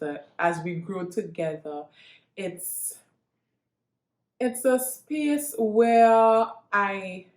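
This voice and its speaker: In an echoey room, a Trinidadian woman addresses her viewers in a reflective, earnest vlog, often starting over and repeating herself as her thoughts come together. Her voice is on the low side and a little mellow.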